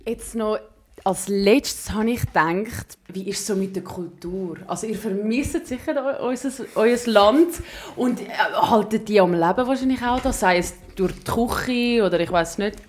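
A woman hosting a casual chat, telling stories with quick asides. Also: medium pitch. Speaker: host.

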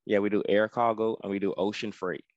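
Low-voiced man with dull, dry sound. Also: fairly even intonation, brisk, a little mellow, no room sound. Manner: easygoing, conversational, says you know often. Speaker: guest, freight delivery business owner. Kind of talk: casual interview.

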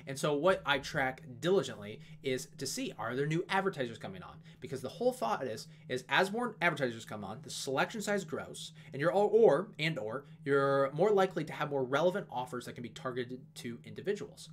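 Guy rambling fast thru a stock breakdown, slightly high voice, lots of ums and side notes. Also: a little hiss or hum. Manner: fast, loose, lots of fillers and asides. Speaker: investing video host. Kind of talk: casual stock analysis talk.

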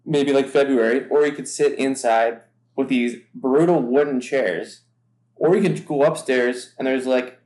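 A man's voice: mid-range voice, measured pace, darkish tone. A man co-hosting a podcast in casual chat, telling stories in a rambling, stop-start way. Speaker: podcast co-host. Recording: echoey room.

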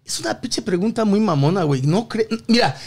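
A man's voice: high-pitched, animated, a little fast, a little mellow, husky. A man from Mexico with a Mexican accent, chatting on a podcast in heavy slang and swearing emphatically. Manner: slangy, profanity-laden, emphatic. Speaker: podcast co-host. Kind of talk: casual chat.

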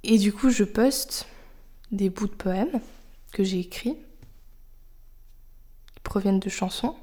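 A young podcast host, French by first language, shares her own thoughts with listeners on a personal show, thinking aloud in an unhurried, reflective way. Her voice is warm, mellow and mid-pitched, soft and confiding, sometimes sinking almost to a whisper.

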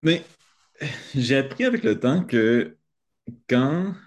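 A young man, a podcast guest telling childhood stories in a relaxed way with frequent restarts. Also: mid-range voice, slow. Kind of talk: casual interview chat.

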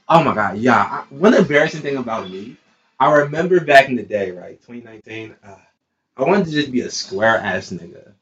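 A man's voice: medium pitch, expressive, moderate pace, a bit bright, highs cut off. A man in his twenties co-hosting a podcast, chatting casually in a laid-back, slangy way and laughing often. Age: 20s. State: high on an edible. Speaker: podcast co-host. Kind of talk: casual chat.

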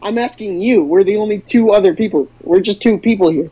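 Young dude doing slow fake news headlines, dry and deadpan, kinda high voice. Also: male voice, husky, highs cut off. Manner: deadpan mock-newsreader delivery. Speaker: podcast host. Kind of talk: comedy podcast banter.

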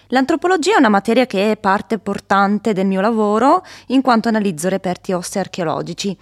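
Young woman explaining her research carefully. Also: mid-range voice. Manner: careful, technical, with hesitation fillers. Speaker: guest, doctoral researcher. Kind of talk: explanatory interview answers.

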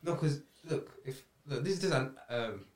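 A man chats casually in slang, repeating words as he makes his point. His pitch is middling. The sound is echoey, with noise and clicks behind him. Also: expressive, normal speed. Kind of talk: casual podcast chat.

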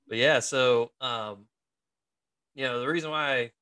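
Bright, laughing man in casual chat. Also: medium pitch, slow, smooth, dry recording. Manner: laughs often, chatty with many fillers and restarts. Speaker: co-host, military investigator in the reserves.

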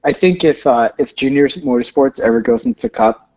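Excited guy on a racing podcast, talks over people, muffled lo-fi sound. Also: medium pitch, moderate pace. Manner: enthusiastic, talks over others. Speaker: podcast co-host. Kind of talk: casual motorsport chat.

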